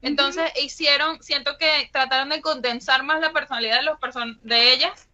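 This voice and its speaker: A voice actress explaining her work in long, animated runs during a casual interview over a video call. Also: high-pitched, moderate pace. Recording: dull, muffled call audio.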